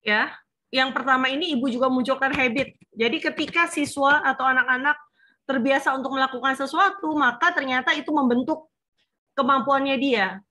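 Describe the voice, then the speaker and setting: A woman's voice: high voice, a little fast, bright, forceful tone. A woman supervisor advising a student on her thesis plan, explaining patiently with frequent fillers. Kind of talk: online thesis consultation.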